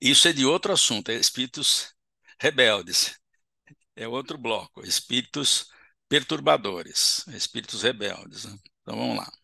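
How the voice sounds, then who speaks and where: A man's voice: medium pitch, expressive, normal speed, vocal fry, bright, forceful tone, breathy edge, no echo, studio quality. A man giving a seminar lecture in an auditorium, explaining step by step and checking in with the audience with short tag questions.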